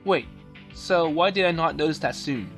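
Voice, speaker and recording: A man with a somewhat high voice talks through a story game, stopping and restarting as he retells what the characters say. His delivery is loose and hesitant, full of fillers. Soft game music plays underneath. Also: moderate pace. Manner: hesitant, many fillers and restarts, paraphrasing dialogue. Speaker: let's play commentator. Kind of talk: casual game commentary, translating and summarizing the story.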